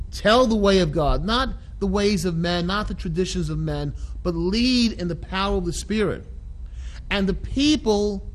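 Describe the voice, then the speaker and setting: A man preaching a sermon as a pastor, deliberate and repeating phrases for emphasis. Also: on the high side, a little mellow, low-quality recording. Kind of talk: sermon, expounding scripture.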